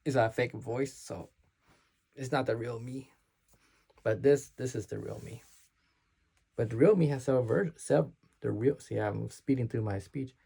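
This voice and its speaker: A man vlogging unscripted to camera in a gravelly, husky voice with a mellow tone. He is hesitant and self-conscious, restarts often and slurs his words. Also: mid-range voice, normal speed, long pauses.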